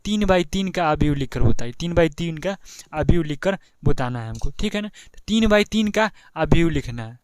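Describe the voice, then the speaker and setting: Young bihari guy teaching maths, chatty and repetitive, voice a bit high, clean and smooth, dry close mic. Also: animated, moderate pace, dry recording. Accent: Bihari Hindi. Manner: chatty, repeats steps, keeps asking "ठीक है ना". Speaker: math teacher. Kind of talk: board exam tutorial.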